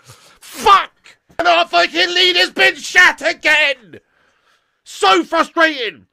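A man hosting a football watchalong, ranting and swearing heavily with sudden shouts. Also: extremely high pitch, takes it slowly, creaky, no echo. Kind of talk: live match reaction rant.

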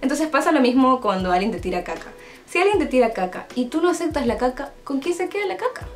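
A young woman vlogger with a Peruvian Spanish accent talks casually and confidingly to her viewers from her bedroom while painting her nails, joking in asides. Her voice is high-pitched and sing-song, and she speaks quickly.

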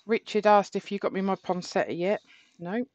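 A woman's voice: medium pitch, fairly even intonation, normal speed, darkish tone, no echo, lo-fi sound. A woman co-hosting a livestream, reading out viewer comments and teasing her partner playfully. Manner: teasing, playful, laughs often. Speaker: co-host reading live chat. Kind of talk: casual livestream banter.

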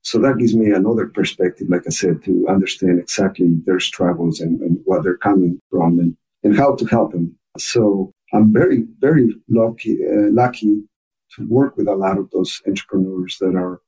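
Ecuadorian-accented man, mellow husky voice. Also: low voice, moderate pace, rough recording. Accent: Ecuadorian Spanish. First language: Spanish. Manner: earnest, many repeated words and restarts. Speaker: guest, chamber of commerce officer. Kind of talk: podcast interview.

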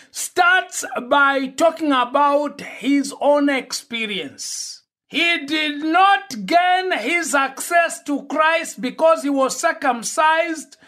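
Very high-pitched man preaching slowly. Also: bright, forceful tone. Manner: emphatic, deliberate phrasing. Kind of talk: homily.

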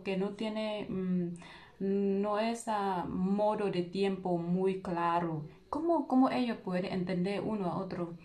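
A Vietnamese woman, a non-native speaker with a Vietnamese accent, patiently explaining a language lesson with rhetorical questions and halting, searching phrasing. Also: medium pitch, a little mellow. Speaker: language teacher.

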